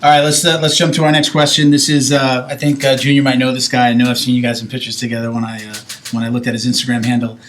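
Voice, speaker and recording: A man's voice: medium pitch, little pitch movement, fast talker, hardly any pauses, a bit bright. A man in his forties hosts a casual podcast with an ordinary mid-range voice. He wanders through his points, restarting and correcting himself, and tosses questions to his guests. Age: 40s. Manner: rambling, self-correcting, asks questions. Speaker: podcast host. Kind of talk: casual chat.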